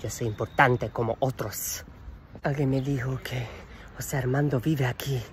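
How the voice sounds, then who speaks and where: A man's voice: mid-range voice, fairly even intonation, unhurried, natural voice. A man playing a desperate, melodramatic telenovela mother searching for her son, wailing in broken Spanish outdoors on a noisy street. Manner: overwrought soap-opera wailing, broken Spanish. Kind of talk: telenovela parody. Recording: noisy street with passing vehicles.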